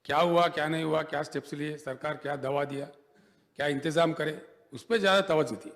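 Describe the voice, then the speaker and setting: A man's voice: on the high side, a little fast, a bit bright. A man replying as a government minister in an assembly debate, switching between Hindi and English and repeatedly asking to be heard. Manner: defensive, keeps pleading to be heard. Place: legislative assembly chamber. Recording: long reverb of an assembly hall.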